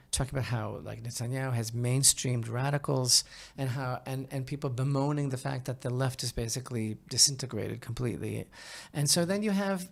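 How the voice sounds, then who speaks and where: On his podcast, a man shares opinions in a chatty, halting, emphatic way, repeating phrases and regularly checking in with the audience. His voice sits at medium pitch with noticeable vocal fry.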